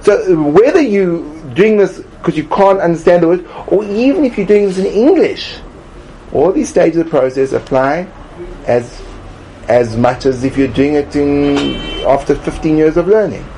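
Man, classroom lecture, higher voice, animated delivery, faint background hiss. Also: normal speed. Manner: animated, acts out voices, emphatic. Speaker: Talmud teacher.

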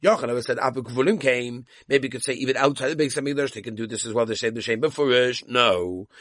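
A man's voice: medium pitch, quick pace, fairly bright tone, dry recording, studio quality. A man teaching a daily Talmud lesson in a conversational way, with asides and repeated words.

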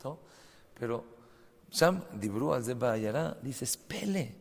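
Gravelly-voiced rabbi teaching in a hall. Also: male voice, mid-range voice, slow. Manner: animated storytelling, sudden loud bursts. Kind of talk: Torah lesson with stories. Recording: long reverb hall, faint ambient noise.

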